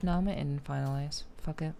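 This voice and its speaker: A playful, teasing woman streamer chatting casually while gaming, soft-spoken and often dropping toward a whisper. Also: low voice, fairly even intonation, fast, vocal fry, a little hiss or hum. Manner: playful, teasing gamer girl. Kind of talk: casual live-stream chat.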